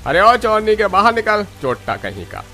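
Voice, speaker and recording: A man voicing a bullying neighbor who jeers roughly and accuses loudly. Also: on the high side, moderate pace, faint music behind, close to an everyday voice. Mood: hostile. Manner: rough, jeering.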